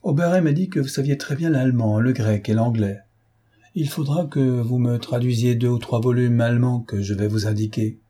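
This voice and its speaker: A man's voice: mid-range voice, moderate pace, warm tone, breathy edge, natural voice. A man reading an audiobook, voicing a pompous, stingy older male scholar who lectures his young assistant. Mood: instructing. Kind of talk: audiobook character voice.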